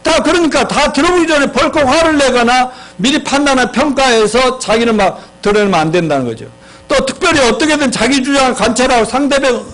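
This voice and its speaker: A male pastor preaching a sermon who quizzes his congregation, leads them in reading aloud and acts out quarrels between spouses. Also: fairly bright tone. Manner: acts out quoted spouses with sudden higher, sharper lines.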